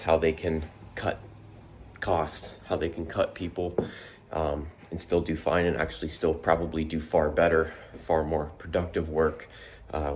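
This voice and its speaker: Still winded from push-ups, a man speaks to the camera in a very deep voice, offering a loose, meandering vlog monologue of his opinions. He stumbles through plenty of fillers and restarts, with slight background noise.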